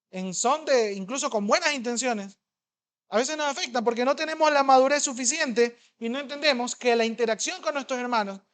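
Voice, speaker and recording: A man preaching a sermon as pastor, emphatic and conversational, swinging between loud and soft and asking the congregation questions. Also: very high voice. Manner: conversational, fast at times.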